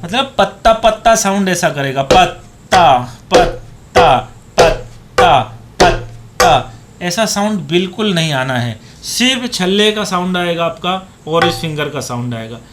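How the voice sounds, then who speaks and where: A man's voice: high-pitched, animated, moderate pace, few pauses, loud music behind the voice. A man teaching dholak, patiently explaining hand positions and counting beats aloud as he plays. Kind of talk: demonstrating a music lesson. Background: dholak drumming.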